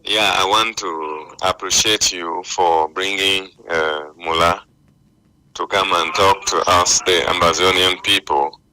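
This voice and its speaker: A man's voice: low-pitched, steady tone, takes it slowly, bright, forceful tone, rough recording. A man phoning in to a talk show, speaking hesitantly with fillers. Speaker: caller. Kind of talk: phone-in call.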